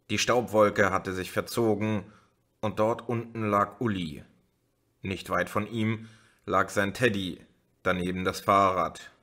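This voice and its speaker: A man reading a novel aloud as an audiobook in a slow, measured way. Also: on the low side, sharp tone. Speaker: audiobook reader. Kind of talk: audiobook narration.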